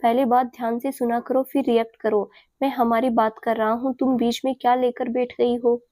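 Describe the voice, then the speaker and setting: A woman's voice: on the high side, flat delivery, normal speed, dark tone, no room sound, lightly acted. A woman narrator voicing a stern, domineering young man who speaks curtly to his lover. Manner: curt, commanding.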